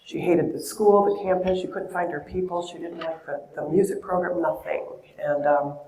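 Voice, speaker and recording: A woman's voice: lowish voice, steady tone, normal speed, dark tone. A woman in her fifties telling personal stories at a talk, earnest, conversational and emotional. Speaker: speaker at a talk. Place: event venue with audience. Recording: echoey room.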